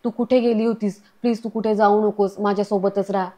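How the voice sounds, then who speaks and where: A frightened young woman from a television serial, tearful and pleading as she hides a secret, read by a woman narrator. Her voice stays mellow and flat in pitch. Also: a little fast, natural voice.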